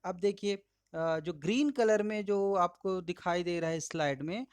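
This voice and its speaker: A male pronunciation teacher with an Indian English accent and Hindi as his first language, slowly and patiently modeling each word aloud while explaining slides. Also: high voice, smooth, no echo. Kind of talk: slide-based lesson.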